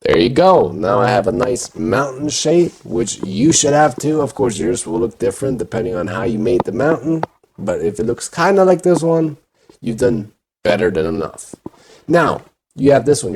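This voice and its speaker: A man's voice: medium pitch, a little mellow, a little hiss or hum. A man talking through a voice changer, giving a casual step-by-step game tutorial. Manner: plain instructing with filler "you know".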